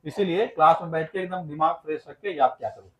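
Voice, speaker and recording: A man's voice: fairly high pitch, fast, dull audio. A man from Bihar, teaching an exam-prep class and drilling students with repeated questions and answers. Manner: chants answers in a loud, laughing sing-song.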